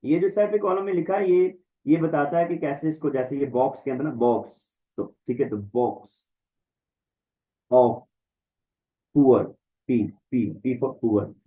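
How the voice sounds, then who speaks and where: A man teaching an online Greek class, slowly reciting and repeating letter names for students to follow. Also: mid-range voice, mellow, low-quality recording. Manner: slow, repetitive recitation, drawing out letter names. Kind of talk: online class lesson, drilling the alphabet.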